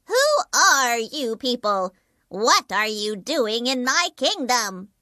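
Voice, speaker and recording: A woman reading a storybook aloud and voicing a cruel wicked witch with slow, drawn-out menace. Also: a little high, sing-song, bright, forceful tone, no room sound, studio quality, exaggerated voice. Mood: menacing.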